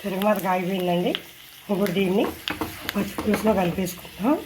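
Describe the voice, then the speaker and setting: A woman's voice: medium pitch, steady tone, quick pace. A woman politely narrates a home recipe step by step as a cooking vlogger. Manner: polite, instructional. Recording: faint noise with kitchen clatter.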